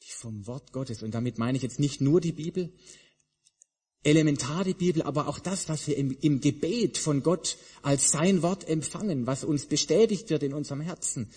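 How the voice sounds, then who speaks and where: A man's voice: fairly high pitch, darkish tone, husky. A man preaching a sermon to his congregation, emphatic, his voice rising and falling through repeated phrases. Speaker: pastor. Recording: long hall reverb.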